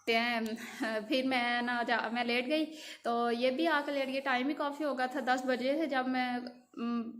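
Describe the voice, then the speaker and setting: A woman's voice: a little high, a bit bright, slight background noise. A young woman vlogger telling a long personal story in a casual, emotional, rambling way, often repeating herself.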